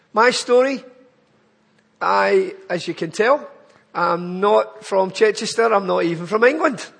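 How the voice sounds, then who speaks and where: A man's voice: high-pitched, gravelly, a bit bright, slightly rough, big-room sound. A man with a Glaswegian Scottish accent, giving an earnest church appeal talk that addresses the congregation directly. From Glasgow, Scotland. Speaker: charity speaker at a church. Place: church hall.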